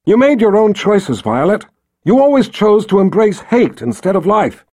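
A man voicing a frightened but firm young girl who answers calmly and reproachfully. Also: high-pitched, moderate pace, voice pushed up, exaggerated voice. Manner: calm, steady, reproachful.

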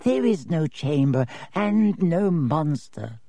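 A dry, reedy old ghost professor lectures slowly and testily, as a male narrator puts him on. The voice sits high and thin, with a dark, mellow tone and strongly rising and falling emphasis. Each word is clipped and drawn out with weary disdain. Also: big pitch swings, dry recording, exaggerated voice. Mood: dismissive. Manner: slow, clipped, dismissive lecturing.

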